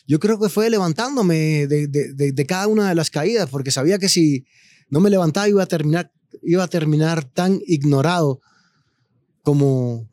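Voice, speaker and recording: A man, a guest telling his story with animated, slangy chat. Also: a little high, normal speed, dry recording. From Cuba. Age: 40s. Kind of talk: casual interview chat.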